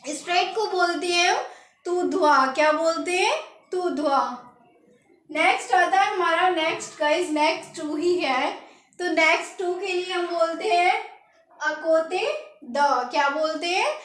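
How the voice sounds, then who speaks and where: A woman from India teaching a language lesson, slowly repeating each word and quizzing the viewer. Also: very high voice, fairly bright tone, reverberant. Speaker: French teacher.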